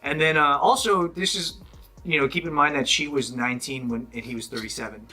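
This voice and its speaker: A man's voice: a little high, fairly quick, bright, forceful tone, soft background music. A man retelling a story in casual chat, hesitant and full of fillers.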